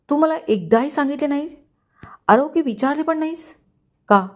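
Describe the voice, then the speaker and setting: A woman's voice: medium pitch, warm tone, natural voice. A woman voicing a remorseful middle-aged father who pleads with his son, choked with emotion, in a storybook reading.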